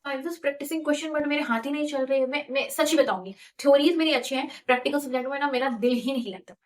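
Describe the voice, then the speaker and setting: A young woman in her twenties casually telling her own story, chatty and animated, slipping English phrases into her talk. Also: sits high, quick pace. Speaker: vlogger.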